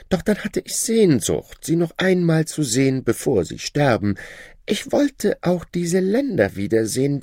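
A man performs a shadow who has turned himself into a fine gentleman, speaking up high with preening pride. His voice jumps lively from note to note. The sound is dry and close, with no room around it. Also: no echo. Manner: smug and showy, high-pitched put-on voice. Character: boastful, newly rich male shadow turned gentleman.

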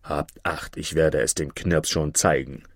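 A strong storybook blacksmith speaks in a gruff, low voice, deeper than the narrator's own who plays him. His tone is blunt and steady. The sound is dry and close. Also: unhurried, no room sound.

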